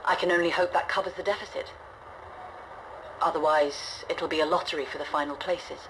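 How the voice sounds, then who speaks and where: An actress voices a resolute, weary woman commanding a stranded starship, narrating a scripted audio log in a science fiction game with dramatic game acting. Her low voice stays steady and close to everyday speech, measured, grave and reflective, carrying a weary, burdened mood. Faint noisy ambience can be heard behind her.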